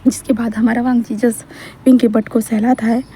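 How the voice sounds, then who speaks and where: A woman's voice: fairly high pitch, little pitch movement, normal speed, warm tone, husky. A woman narrating a fan-fiction story in a casual, chatty way, with many fillers. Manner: chatty, fillers and mixed-in English words.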